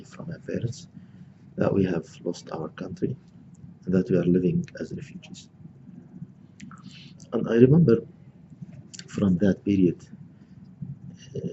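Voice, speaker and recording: A man in his sixties from Gaza gives a reflective personal lecture, speaking haltingly with many restarts and fillers. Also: deep voice, dull audio, background noise. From Gaza, Palestine. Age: 60s.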